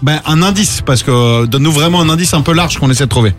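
A man hosting a radio game show from a studio, talking in brisk, upbeat presenter patter. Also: a little high, soft background music. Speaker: radio host.

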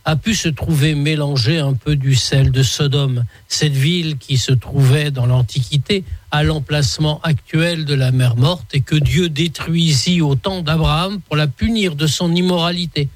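A man reading a short scripted religious column on the radio, measured and formal. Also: a little high, fairly even intonation, dry recording. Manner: measured, formal read delivery.

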